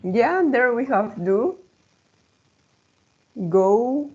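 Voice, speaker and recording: Slow, patient woman teacher on a call. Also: fairly high pitch, a little mellow. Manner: patient, models words and switches into Spanish to explain. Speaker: English teacher. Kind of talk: online class instruction. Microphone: video call. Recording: dull lo-fi call audio.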